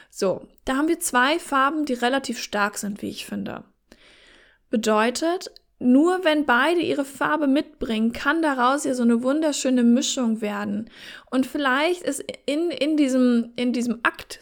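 A woman giving frank, encouraging relationship and sex advice, speaking straight to the listener and dropping in English phrases. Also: on the high side. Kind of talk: casual direct advice talk to listener.

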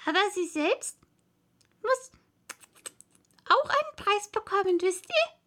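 A woman's voice: very high voice, sing-song, slow, sharp tone, voice pushed up, full character voice. A woman voicing a touchy little female mouse in a storybook reading, sighing and complaining. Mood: plaintive.

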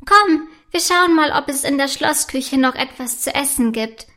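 Woman doing a lively young princess. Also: high voice, moderate pace.

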